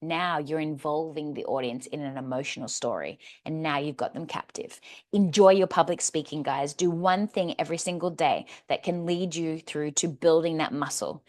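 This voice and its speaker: An Australian woman coaches public speaking straight to camera, in a fairly low voice for a woman. She talks in a lively, animated way, acting out her examples with big swings in tone. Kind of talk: motivational talk to camera.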